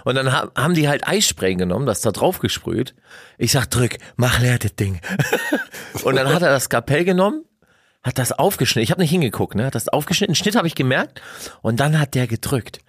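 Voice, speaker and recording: A man, co-hosting a casual podcast, telling a story in a lively, crude way with swearing and laughter. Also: medium pitch, a little fast, breathy edge, dry recording, studio quality. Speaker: podcast co-host.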